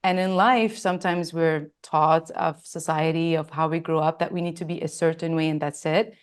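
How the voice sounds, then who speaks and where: A woman from Lebanon, born in Australia and in her thirties or forties, tells her own story earnestly and emphatically as an interview guest, reflecting on her life. Her voice is deep, smooth and steady, at normal speed.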